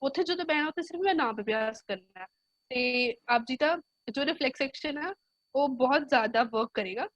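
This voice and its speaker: A woman's voice: sits high, lively intonation, fairly quick, a bit bright, no echo, muffled recording. A woman with a Punjabi accent giving an earnest motivational talk to students, often slipping English words into her speech. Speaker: guest speaker.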